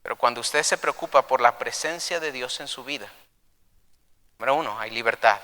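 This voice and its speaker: A pastor preaching an impassioned sermon, retelling a story with dramatic flair. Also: male voice, medium pitch, a little fast, bright, forceful tone, in a large hall. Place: church.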